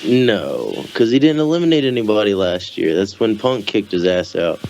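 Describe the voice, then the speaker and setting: A man's voice: fairly low pitch, very animated, moderate pace, creaky, darkish tone, faint music behind, rough recording. A man co-hosting a casual podcast, bluntly correcting the others with facts. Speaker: podcast co-host. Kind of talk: casual wrestling podcast chat.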